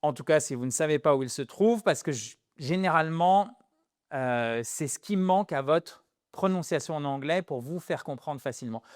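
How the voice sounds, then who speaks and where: Brief: male English teacher lecturing in French, smooth clear voice, dry close sound, repeats words to drill stress. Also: fairly high pitch, moderate pace, no echo. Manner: lively, self-deprecating, jokes about being a pain. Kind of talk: French-language English grammar lesson.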